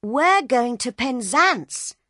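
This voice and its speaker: A woman voicing a loud, eager little girl in a read-aloud storybook. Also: high voice, big pitch swings, slow pace, no echo, studio quality, voice pushed up, exaggerated voice. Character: excited little girl on a train.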